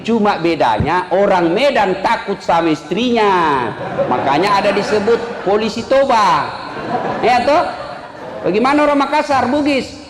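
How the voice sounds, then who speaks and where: Male preacher, humorous sermon, high-pitched, booming echo of a large hall. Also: a little slow, crowd noise. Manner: animated, jokes with the audience, rhetorical questions. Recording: echoey hall reverb.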